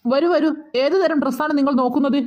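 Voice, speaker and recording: Woman voicing a polite shop lady in a cartoon, talks really fast, kinda high. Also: steady tone, darkish tone, a little hiss or hum, natural voice. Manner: polite, brisk. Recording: dull lo-fi sound.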